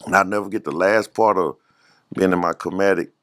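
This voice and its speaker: A man with a Dallas accent, a podcast guest telling stories in a slow, laid-back way and acting out the people he quotes. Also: sits low, steady tone, fairly bright tone. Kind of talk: storytelling in a podcast interview.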